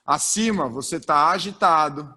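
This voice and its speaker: A man's voice: on the high side, unhurried, slightly rough. A man gives a live storytelling workshop from a stage. He talks with lots of energy and keeps checking in with a questioning "tá?". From Brazil. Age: 30s. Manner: energetic, tags sentences with a questioning "tá?". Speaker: storytelling trainer. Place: stage of a live training event.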